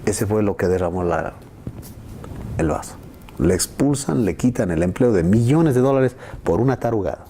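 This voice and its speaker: A man preaching a discipleship lesson as a pastor, animated and jumping into high voices to act out the people he quotes. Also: normal speed, a little hiss or hum.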